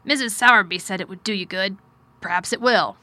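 A woman acts out a miserable, distracted gentleman from a storybook. He is fretful and curt, speaking in abrupt, emphatic bursts with a bright, forceful edge. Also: mid-range voice, brisk, dry recording, close to an everyday voice. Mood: absent-minded.

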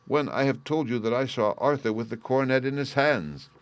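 A man's voice: lowish voice, quick pace, voice pushed up, lightly acted. A man voicing a stern, impatient older banker in a storybook, speaking with indignant emphasis.

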